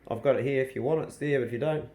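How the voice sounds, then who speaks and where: A man vlogging in a broad Kiwi accent. His voice is mellow and relaxed, and he talks in a colloquial, plain-spoken way, like casual chat with his viewers. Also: mid-range voice, very fast. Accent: broad New Zealand. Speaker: vlog host.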